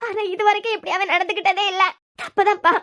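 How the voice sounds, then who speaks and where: A woman's voice: very high voice, steady tone, fast, bright, forceful tone. A woman with a Kanyakumari Tamil accent voicing a middle-aged mother begging mercy for her son in a cartoon. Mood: pleading. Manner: imploring, plaintive.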